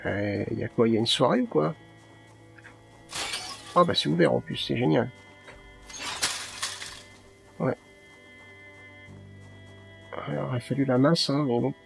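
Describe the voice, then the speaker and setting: A man's voice: mid-range voice, normal speed, vocal fry, pauses often, a bit bright, faint music behind. A man giving casual let's play commentary, muttering and thinking aloud to himself.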